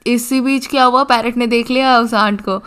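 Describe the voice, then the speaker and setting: Lady teacher explaining a story, clear smooth voice, reads slow then talks fast n loose. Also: a little high, steady tone, a bit bright. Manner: slow, deliberate reading of English, quick loose Hindi explanation with many fillers. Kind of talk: reading an English story aloud and explaining it in Hindi.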